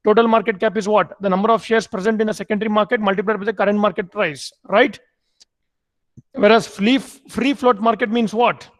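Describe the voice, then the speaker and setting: A man's voice: high-pitched, steady tone, brisk. A man lecturing an online MBA class, repeating key points and quizzing students with questions.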